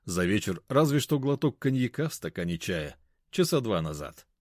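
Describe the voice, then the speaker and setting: A man's voice: lowish voice, big pitch swings, normal speed, no echo, clean studio sound. A man narrating a first-person story in a wry, conversational way.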